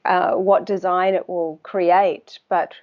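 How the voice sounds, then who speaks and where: A fairly low-pitched woman with a flat delivery and darkish tone speaks in a New Zealand accent over lo-fi sound. As a water researcher guesting in a casual interview, she's thoughtful and unhurried, frequently pausing while she looks for the right words.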